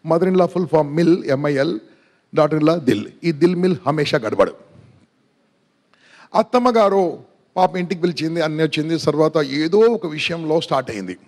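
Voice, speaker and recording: Middle-aged male motivational speaker, high voice, energetic, keeps quizzing the crowd. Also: normal speed. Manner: energetic, questions the audience, mixes in English. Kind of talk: motivational seminar talk.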